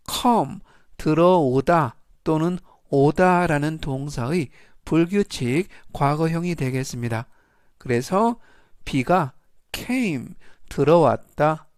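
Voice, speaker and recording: Male tutor, slightly high voice, models words loudly in a measured lesson. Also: dry recording, studio quality. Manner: spells out stress and meaning, models English words loudly. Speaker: English vocabulary teacher. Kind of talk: slow scripted vocabulary lesson.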